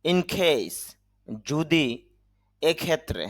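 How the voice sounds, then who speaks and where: Slow, patient male English teacher. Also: fairly high pitch, big pitch swings, no room sound. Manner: slow, explains each sound step by step. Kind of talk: vocabulary lesson.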